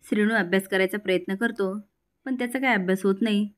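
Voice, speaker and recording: A woman's voice: mid-range voice, fast talker. Woman retelling a serial episode. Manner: steady storytelling, reading every part herself. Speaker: serial recap narrator.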